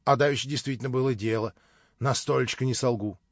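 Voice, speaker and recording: A man's voice: medium pitch, fairly even intonation, fast, no echo, natural voice. A man voicing a jovial, roguish old friend who banters and teases. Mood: sly. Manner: bantering, teasing. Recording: dull, dry recording.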